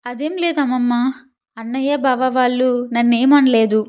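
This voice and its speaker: A woman's voice: fairly high pitch, steady tone, moderate pace, smooth, highs cut off, natural voice. A woman voicing a lovesick, tearful young granddaughter who speaks hesitantly, in a storybook reading. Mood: tearful pleading. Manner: hesitant, pleading. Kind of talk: storybook narration with voiced dialogue.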